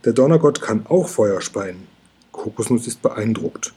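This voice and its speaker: A man reading a children's book aloud as narrator, calm and hushed, slowing down for the tense moments. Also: on the low side, husky.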